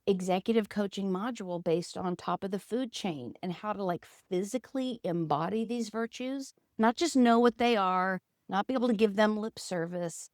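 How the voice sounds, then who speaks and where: Expressive woman guest, dry close sound. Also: medium pitch, dry recording. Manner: reflective, expressive storyteller. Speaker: guest, actor and coach. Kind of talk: conversational interview.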